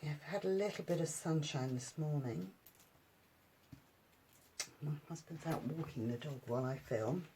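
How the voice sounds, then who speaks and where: A woman demonstrating paper crafts at home, chatting in a relaxed way and thinking aloud with many ums. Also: low-pitched, normal speed, pauses often, a little hiss or hum. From United Kingdom. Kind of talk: casual craft tutorial.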